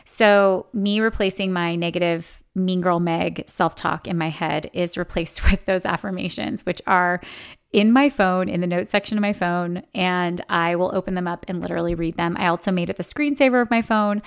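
Femme au timbre net et grave. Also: female voice, lowish voice, fairly even intonation, moderate pace, gravelly, clean tone. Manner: chatty, candid, many "like" and "you know" fillers. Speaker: podcast host. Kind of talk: casual reflective monologue.

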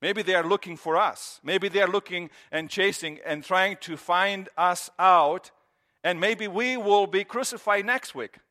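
Guy in his 40s giving a sermon, pretty high voice, talks earnest and chatty. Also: unhurried, pushed and bright. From Romania. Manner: earnest, conversational preaching with repeated phrases. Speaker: pastor.

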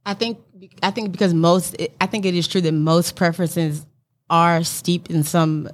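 Lowish-voiced, frank St. Louis woman. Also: fairly even intonation, normal speed. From St. Louis, United States. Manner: frank, slangy. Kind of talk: casual conversational opinion.

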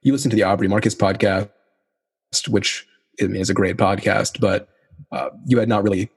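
A man in casual podcast conversation, relaxed and teasing, with many fillers. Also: lowish voice, fairly quick, creaky, husky. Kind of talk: casual chat.

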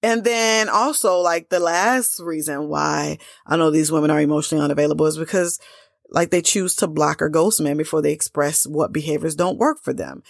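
A woman with a fairly low voice coaches her viewers on dating in a blunt, emphatic way, full of casual slang and "like" fillers. The sound is dry and close, with no room echo. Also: a little fast, gravelly. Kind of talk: direct-to-camera coaching talk.

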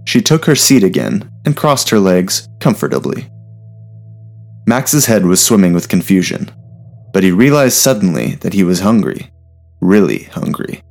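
Low, gravelly male storyteller. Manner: steady, measured reading. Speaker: narrator. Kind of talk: storybook narration.

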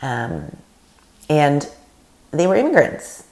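This very low-voiced woman, gravelly with fry, takes it slowly as she talks alone on her podcast. She's from Canada, grew up speaking Russian, and coaches leaders; her manner is earnest and animated but rambling, with frequent restarts.

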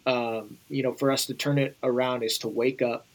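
A man's voice: medium pitch, little pitch movement, normal speed, rough recording. A middle-aged American man speaking as a guest in a podcast interview, earnest and urgent, talking straight to the listeners. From United States.

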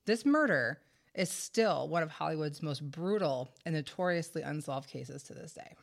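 A woman hosts a true-crime podcast and tells the story conversationally, dropping in wry, sarcastic asides. A head cold leaves her congested and short of breath. Her low voice is expressive and carries vocal fry at a moderate pace.

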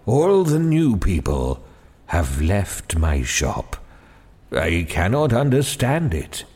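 Fading old Father Christmas, read by a man, deep and tired, drawn-out lines in a reverberant space. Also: huge pitch swings, a little mellow, husky, full character voice. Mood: weary, puzzled. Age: older. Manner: slow, weary, faint. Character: feeble dying ancient Father Christmas, gentle, bewildered. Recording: long hall reverb.

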